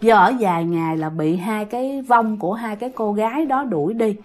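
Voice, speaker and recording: A woman with a Southern Vietnamese accent tells a ghost story in a chatty manner, addressing her listeners directly. Her mid-range voice is a little mellow and fairly quick.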